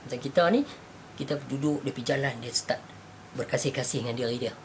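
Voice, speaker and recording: A man's voice: mid-range voice, fast. A man with a Northern Malaysian Malay accent talks through a teaching tale in a casual chat. He voices the people in the story and laughs easily. Faint background noise sits under his voice. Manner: animated storyteller, acts out quotes, laughs often.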